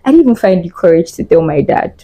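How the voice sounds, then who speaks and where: A woman's voice: fairly low pitch, sing-song, fast talker, mellow, rough recording. A Nigerian woman in her twenties telling a personal story in a candid, emotional way, often repeating words for emphasis. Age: 20s. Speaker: podcast guest. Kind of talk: casual storytelling chat.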